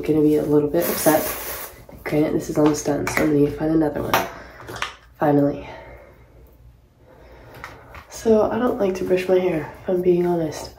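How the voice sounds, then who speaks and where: A woman's voice: sits low, mellow, slight background noise. Young woman chatting in an echoey bathroom. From Hawaii. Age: 20s. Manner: chatty, rambling, self-mocking asides. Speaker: professional tennis player vlogging. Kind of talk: casual vlog to camera. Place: small bathroom indoors. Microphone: built-in camera mic, laptop or phone close up.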